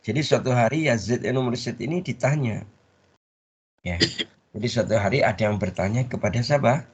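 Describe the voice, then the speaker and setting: A man teaching a religious study class. He pauses mid-word so the audience can finish it. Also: medium pitch, a little mellow, husky. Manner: call-and-response, leaves words half-said for the audience to finish. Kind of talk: Islamic study lecture. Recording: dull lo-fi recording.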